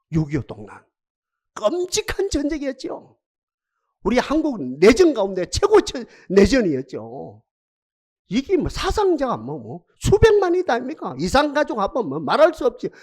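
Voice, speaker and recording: Male pastor, sermon; extremely lively pitch, dramatic with rhetorical questions. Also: normal speed. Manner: dramatic preaching, rhetorical questions, swings from loud to hushed. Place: church sanctuary.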